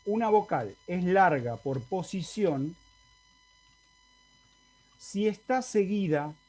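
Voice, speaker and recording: This university lecture comes from a man with an Argentine Spanish accent teaching Latin by video call, walking through things step by step and frequently checking on his students. He sounds mellow and expressive, with a voice that sits high and an unhurried pace.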